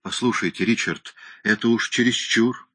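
A man's voice: medium pitch, fairly even intonation, normal speed, pushed and bright, dry recording. A man voicing a gloomy, distressed male aristocrat pleading with his lawyer.

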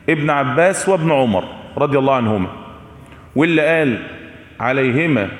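Egyptian teacher in an echoing hall. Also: male voice, on the high side. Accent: Egyptian Arabic. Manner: asks the audience questions and answers them himself; repeats key points for emphasis. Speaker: Islamic jurisprudence teacher. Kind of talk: religious lesson. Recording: echoey hall with long reverb.

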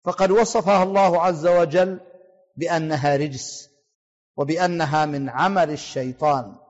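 A man delivering a formal religious lecture in formal standard Arabic, with measured, deliberate oratory and pauses between phrases. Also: fairly high pitch, fairly even intonation. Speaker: Islamic scholar giving a religious talk to listeners. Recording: dull lo-fi audio with long reverb.

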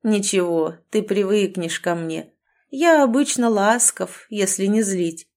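A woman reading aloud and voicing a smug, cruel male werewolf villain who gloats and mocks in a soft, menacing way. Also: medium pitch, a little slow, lightly acted.

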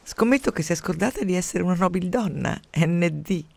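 A man's voice: high-pitched, lively intonation, fairly quick, gravelly, a little mellow, no room sound, voice pushed up, exaggerated voice. A man voicing a spiteful, boastful dying old woman who sneers and gloats, in a radio story reading. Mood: gloating.

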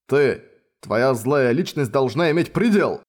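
A man's voice: medium pitch, lively intonation, unhurried, a little mellow, natural voice. A man reading a fed-up young man. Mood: exasperated. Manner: blunt, irritated, sarcastic. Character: exasperated overworked young man. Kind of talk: audiobook dialogue reading.

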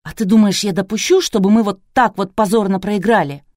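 A woman's voice: fairly quick, darkish tone, no echo, clean studio sound, close to an everyday voice. A woman voicing a hysterical, spoiled young bride who wails and whines. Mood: bossy. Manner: shrill, wailing, whiny.

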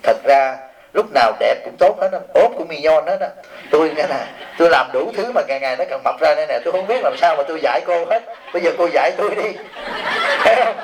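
A man's voice: a little high, animated, fast, crowd noise, poor audio. A man, a Buddhist monk giving a humorous sermon, reading out questions and teasing his audience with rhetorical questions.

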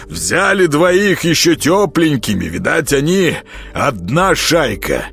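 A man's voice: a little high, very animated, slow, creaky, fairly bright tone, husky, voice pushed up, full character voice. A man voicing a petty, spiteful male prosecutor who squeals officiously in an audiobook.

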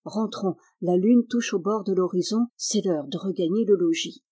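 A woman voicing a gentle, wise young sorceress who calmly reassures her brother, in a slightly breathy voice. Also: medium pitch, normal speed, no echo, lightly acted. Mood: reassuring.

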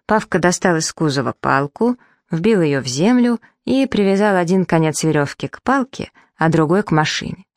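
A woman narrating a children's audiobook in the first person, lively and acting out the dialogue. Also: fairly low pitch, moderate pace, no echo, studio quality. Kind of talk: children's story reading.

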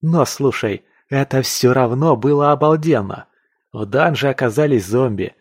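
A boastful, eager young fighter rattles on in a raised, bright-edged voice, performed by a male audiobook reader. He pushes his words out loudly. The recording is dry and close. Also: medium pitch, normal speed, breathy edge, no room sound, voice pushed up, lightly acted. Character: brash excited young male fighter, newly famous. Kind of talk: audiobook character voice.

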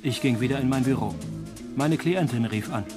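An actor playing a cynical, wisecracking private detective in a noir parody radio drama, with dry deadpan delivery. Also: male voice, medium pitch, moderate pace, music in the background, close to an everyday voice. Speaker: narrator and lead actor of a detective radio play.

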